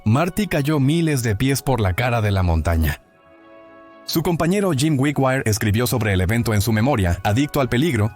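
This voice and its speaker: A man's voice: medium pitch, a little mellow. Dramatic male documentary narrator. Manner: dramatic, storytelling delivery.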